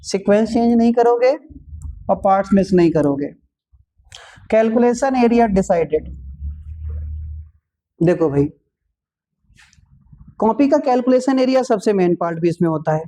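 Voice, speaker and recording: A man who teaches physics, giving exam tips in a relaxed classroom talk, repeating each point and joking with students. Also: sits high, moderate pace, long pauses. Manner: chatty, repeats each point, calls students "bhai", light jokes.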